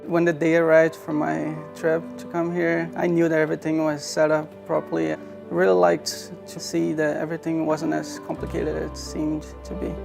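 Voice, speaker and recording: A man tells his student story in a promotional video, his voice slightly high and gravelly. He speaks in a narrow, level tone. Guitar music plays clearly behind him. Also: completely flat delivery, moderate pace. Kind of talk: testimonial interview.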